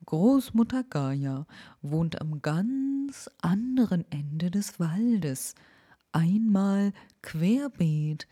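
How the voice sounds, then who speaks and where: A woman voicing a wise old male owl in a whispered role-play, talking slowly and hooting between words. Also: lowish voice, lively intonation, dark tone, husky, exaggerated voice. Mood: drowsy, knowing.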